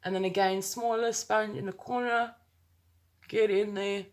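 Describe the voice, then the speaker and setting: A woman with a South African accent gives a casual makeup tutorial to camera, talking close to her phone in a rambling, playful way with exclamations and sound words. Her medium-pitched voice is fairly even, darkish, at a measured pace.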